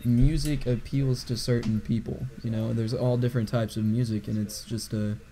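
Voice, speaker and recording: A man's voice: medium pitch, level tone, moderate pace, dark tone. A young man co-hosting a podcast over a voice call, talking in a rambling, hedging way and laughing often. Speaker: podcast co-host. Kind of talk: casual chat.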